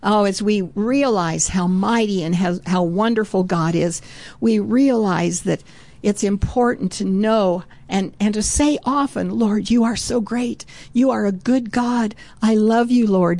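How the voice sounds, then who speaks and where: A woman's voice: medium pitch, darkish tone, no room sound. Earnest woman preaching, dry close sound. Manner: earnest, exclaims "oh" often. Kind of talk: sermon.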